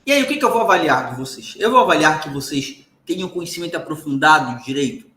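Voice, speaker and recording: A man's voice: fairly high pitch, lively intonation, fast talker, fairly bright tone, roomy sound. A man with a Brazilian Portuguese accent giving a recorded lecture to law students, emphatic and often checking in with the class.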